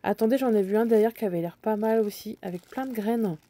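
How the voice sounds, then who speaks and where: Chatty woman with a mellow higher voice. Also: fast. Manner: chatty, hesitant, thinking aloud with fillers. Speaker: bargain-hunting vlogger. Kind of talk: casual supermarket walkthrough. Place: supermarket aisles.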